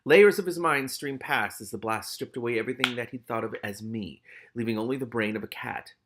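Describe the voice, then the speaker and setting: A man reads a novel aloud in expressive audiobook style, breaking off into casual, exclamatory, sweary commentary. His mid-range voice moves a little fast, with background noise behind it.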